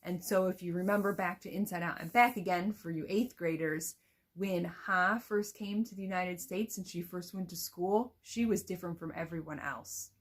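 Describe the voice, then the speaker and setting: A young woman teacher with a slightly low voice walks students through how to read a picture book aloud to children. She talks in a chatty, explaining way, with plenty of fillers. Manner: explains then reads aloud with expression.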